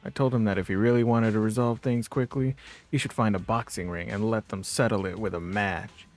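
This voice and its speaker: A man's voice: lowish voice, fairly even intonation, brisk, a little mellow. A man doing a casual let's play, reading game dialogue aloud and muttering offhand comments to himself. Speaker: gamer, video host. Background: faint game music.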